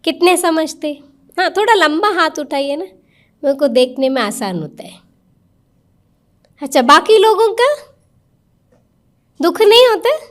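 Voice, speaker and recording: A woman's voice: very high-pitched, very animated, measured pace, pauses often, a bit bright. A woman giving an interactive spiritual talk to a live audience in a meditation centre hall, questioning people directly in a coaxing, conversational way.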